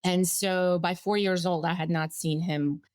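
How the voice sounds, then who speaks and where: A woman in her forties, born in Bulgaria and raised in the US, tells her life story as a guest on a personal storytelling interview. Her voice sits on the low side, steady and a little mellow, at a measured pace, recorded clean in a studio with no echo. She's reflective and candid, with small laughs and restarts.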